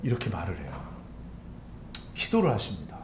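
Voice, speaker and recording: A man's voice: low voice, wildly swooping pitch, a little fast. A man pastor giving a sermon in a church, talking conversationally and putting questions to the congregation. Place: church sanctuary. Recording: echoey church with faint room noise.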